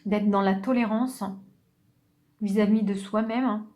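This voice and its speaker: A woman giving an unscripted tarot reading, speaking gently and hesitantly, with many restarts. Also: medium pitch, steady tone, a little slow. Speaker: tarot reader.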